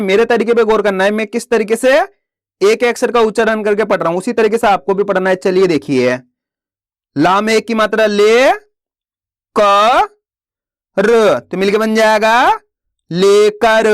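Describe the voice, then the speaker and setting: A man teaching Hindi reading in a slow, patient way, asking questions and answering them himself. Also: high voice, no room sound, studio quality.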